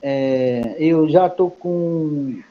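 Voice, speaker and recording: A man whose first language is Kayapó talks very slowly in a somewhat high voice. He explains things haltingly and circles back over the same words. The recording is muffled and lo-fi. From Brazil. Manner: halting, repeats words with many fillers. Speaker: guest speaker. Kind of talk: explaining in a study group meeting.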